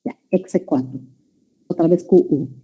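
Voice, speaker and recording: A woman's voice: fairly low pitch, a little slow, dark tone, slightly rough. A woman teaching a language class, lecturing students and often checking that they follow. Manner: addresses students as "jóvenes", checks understanding with "¿ya?".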